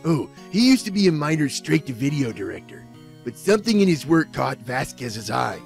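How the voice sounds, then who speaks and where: A man voices a meek, earnest action-show actor in an amateur game fandub, playing him gentle, unsure and hesitant with an informative mood. His voice is on the high side and gravelly, with big pitch swings at normal speed, and music plays faintly behind him.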